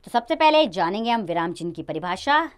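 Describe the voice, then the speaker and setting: A woman teaching a grammar lesson to children, lively, stressing key words and dropping low at the ends of sentences. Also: fairly quick, smooth.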